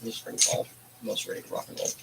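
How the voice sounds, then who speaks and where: Talking fast over some background noise, a man hosts a casual hobby livestream. His delivery is laid-back and rambling, packed with filler words.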